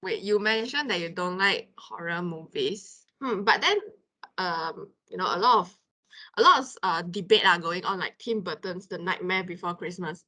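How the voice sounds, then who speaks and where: A woman's voice: fairly low pitch, normal speed, bright, forceful tone. Woman, Malaysian English accent, podcast host, casual chat, playful dramatic reactions.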